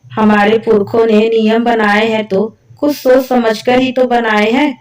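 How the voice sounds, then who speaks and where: A woman's voice: fairly high pitch, little pitch movement, a little slow, far from the mic, natural voice. A woman voicing a strict, traditional middle-aged mother-in-law who scolds and insists. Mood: stern.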